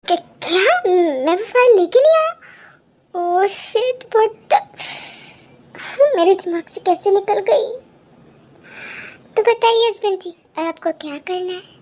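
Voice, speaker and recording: A woman's voice: very high-pitched, animated, slow pace, pauses often, a little mellow, heavily acted. A woman voicing a doting, anxious young husband in a fan audio drama, flustered and fretful.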